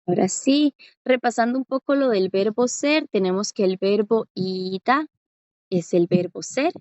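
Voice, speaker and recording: A woman's voice: mid-range voice, a little mellow, no echo, lo-fi sound. Patient woman teaching. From Costa Rica. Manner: patient, slows down to spell out examples with rising checks. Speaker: Korean language teacher. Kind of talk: classroom lesson.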